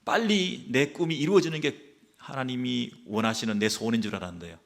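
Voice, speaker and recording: Preaching with a medium-pitched voice touched by vocal fry, this male pastor shifts dramatically: God's words come out hushed and slow, while his impressions of the people's complaints are loud and rapid.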